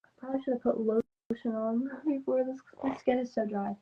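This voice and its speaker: Giggly young woman, fairly high voice, relaxed live-stream chat, muffled lo-fi mic. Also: a little fast, background noise. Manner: giggly and relaxed, greets viewers. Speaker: guest. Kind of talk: casual live makeup chat. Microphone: phone on a live stream.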